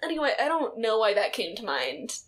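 A woman's voice: fairly high pitch, big pitch swings, a little fast, a bit bright. A woman co-hosting a podcast, chatting casually in an easy, amused way. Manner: laughs easily as she talks. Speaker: podcast co-host. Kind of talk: casual chat.

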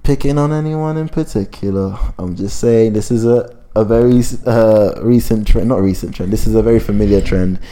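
A man's voice: fairly low pitch, normal speed, hardly any pauses, warm tone. A young man with a London urban roadman accent, arguing casually on a podcast in heavy street slang, with noise behind him. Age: young adult. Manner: slangy, argumentative. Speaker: podcast host. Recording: clear background noise.

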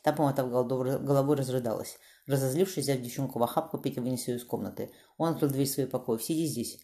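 A woman narrating a historical novel aloud as an audiobook, in a brisk, even reading. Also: extremely low pitch.

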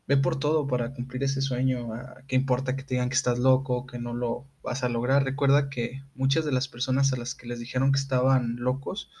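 A man's voice: mid-range voice, a little mellow. A man with a Mexican accent giving a motivational talk as numbered life advice, direct and exhorting, speaking straight to the listener in blunt, slangy commands.

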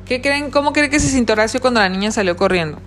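A woman's voice: a little high, slight background noise. A woman reading a children's story aloud and asking the young listeners questions about it. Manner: warm questioning of the children, slow expressive reading.

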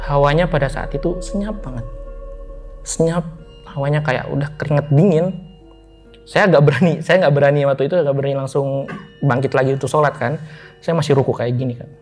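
A man's voice: a little high, a little fast, pauses often, darkish tone, soft background music. A man as a guest in a casual interview, telling a ghost story in loose, chatty speech with restarts, often addressing the listener directly.

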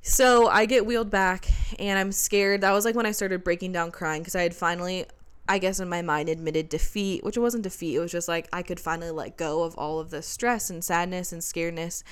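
A young woman hosts a podcast and tells a story in an animated, conversational way. Her voice sits a little low, and she acts out other people's lines as she goes. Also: fairly quick, clean tone. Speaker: podcast co-host. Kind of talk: casual chat.

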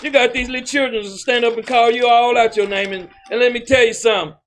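A man's voice: extremely high pitch, steady tone, fast, a bit bright. A man preaching a loose, emphatic sermon, often repeating words and adding "man". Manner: repeats words while building a point. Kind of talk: street-style sermon.

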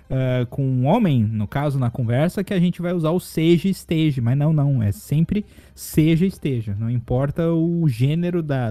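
A man's voice: fairly high pitch, warm tone, no room sound. A man with a Brazilian Portuguese accent co-hosting a casual comedic chat, playful and teasing. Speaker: co-host.

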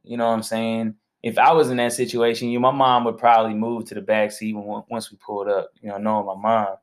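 A man co-hosting a marriage podcast with his wife, talking in a relaxed, slangy, upbeat way. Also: fairly low pitch, fairly quick. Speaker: podcast co-host. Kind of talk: casual chat.

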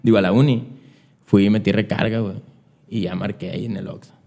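A young man with a Mexican accent tells stories as a guest on a podcast. His voice sits a little low, and his talk is loose, slangy and animated. He slips into other people's voices as he recounts events. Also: fast talker, creaky. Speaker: guest, radio announcer and songwriter. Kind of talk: casual storytelling chat.

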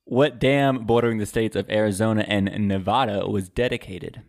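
A man's voice: on the low side, steady tone, normal speed. Joking young man quizzing his co-host. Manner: joking, quizzing, laughs often. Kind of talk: casual podcast chat.

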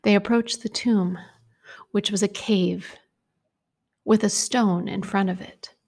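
A woman reads scripture and reflects on it in a hushed, intimate sermon that often sinks to a whisper. Her voice is gravelly and breathy, and she takes her time over every phrase. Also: mid-range voice, steady tone, takes it slowly. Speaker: preacher.

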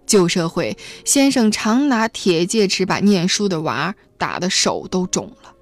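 A woman narrating a novel aloud in a steady storytelling manner. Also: lowish voice, unhurried. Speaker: audiobook reader.

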